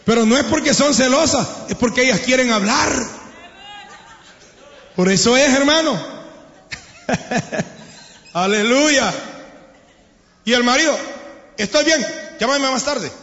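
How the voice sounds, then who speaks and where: A man. He speaks emphatically, sometimes shouting, and jokes with the congregation. The sound is muffled, with a long echo from a large church hall. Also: extremely high pitch, animated, slow, long pauses. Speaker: preacher. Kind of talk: sermon. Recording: echoey hall, somewhat muffled.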